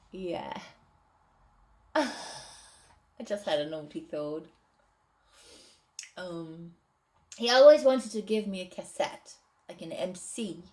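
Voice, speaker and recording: A woman reads from her novel draft and talks it over, hesitant and pausing to rethink her wording. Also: lowish voice, darkish tone. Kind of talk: casual reading and commentary.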